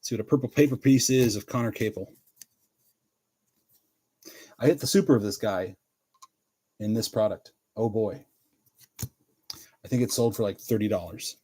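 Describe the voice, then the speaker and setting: A man's voice: fairly low pitch, normal speed, long pauses, warm tone, slight background noise. A man hosting a live card break, chatting casually, calling out players and laughing often. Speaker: card breaker livestream host.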